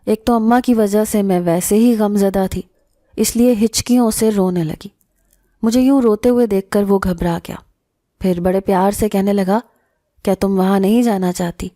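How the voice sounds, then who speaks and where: A woman storyteller giving a scripted first-person horror narration in a steady, measured reading. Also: mid-range voice, no echo, clean studio sound.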